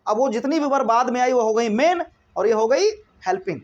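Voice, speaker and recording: A man teaching a spoken English grammar lesson, explaining step by step with rhetorical questions and reading example sentences slowly before translating them. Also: very high voice, animated, dull audio. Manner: explains step by step, keeps asking rhetorical questions and saying "theek hai".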